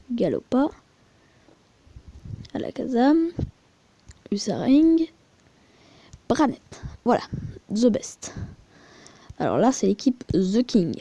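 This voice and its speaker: Mellow-voiced woman rambling over a game. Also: fairly high pitch. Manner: crude, rambling, chatty with muttered asides. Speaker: mobile game vlogger. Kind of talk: casual screen-recording commentary.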